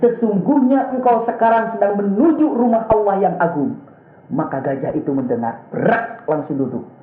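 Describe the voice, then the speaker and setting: A man preaching a storytelling sermon, acting out the characters with a raised voice and frequent chuckles. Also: normal speed. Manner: animated, acts out characters with raised pitch, chuckles often. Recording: echoey room on a tinny phone-like line.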